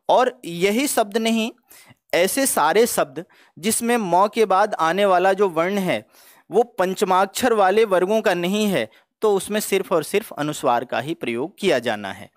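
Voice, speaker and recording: In an exam-prep spelling lesson, a man teaches Hindi spelling one word at a time, explaining methodically as he goes. His voice is high-pitched, and the clean studio sound has no echo.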